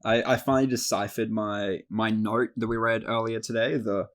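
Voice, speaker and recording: A man's voice: fairly low pitch, steady tone, moderate pace. A man co-hosting a podcast in casual chat, throwing in short, dry quips. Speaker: podcast co-host.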